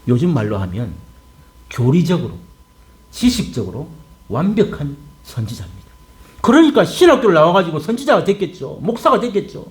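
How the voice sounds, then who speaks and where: Animated male pastor preaching a sermon. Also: fairly high pitch, brisk. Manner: animated preaching, rhetorical questions to the congregation.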